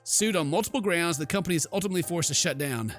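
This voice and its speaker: Racing through his lines in a slightly high, fairly bright voice, a gaming video host reads the story text dramatically and interrupts himself with jokey, casual reactions. Game music plays underneath this let's play.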